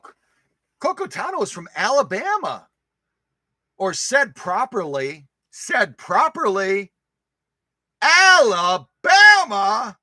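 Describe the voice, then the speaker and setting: A man's voice: high voice, sharp tone, dry recording. A man hosting a casual livestream, playfully reading out and answering viewer comments, often repeating himself. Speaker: host of a sewing machine restoration channel.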